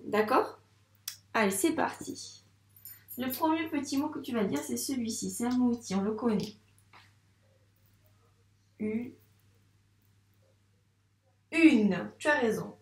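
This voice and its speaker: A woman's voice: on the high side, distant mic. A woman teacher, patiently sounding out letters and syllables in a reading lesson for young children. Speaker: first-grade teacher. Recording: echoey room.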